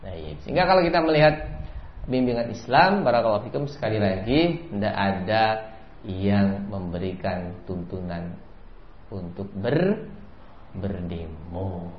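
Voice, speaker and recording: An Islamic preacher delivers a sermon lecture, often repeating a set phrase and rising sharply for emphasis. His fairly low voice is expressive and unhurried, with slight background noise. The lecture recording is echoey, dull, and lo-fi.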